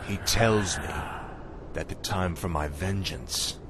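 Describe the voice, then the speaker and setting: An actor playing a grim, vengeful young warrior prince in a video game, intense and solemn. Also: male voice, low voice, slow pace, background noise. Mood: grim resolve. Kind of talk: video game cutscene voice acting. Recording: dramatic music behind.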